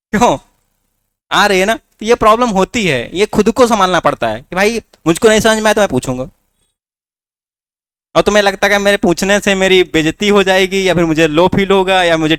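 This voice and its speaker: A man's voice: high voice, fairly bright tone, clean tone, dry recording, studio quality. A man teaching a class with a north Indian Hindi accent, coaxing students with rhetorical questions. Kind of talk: classroom lecture.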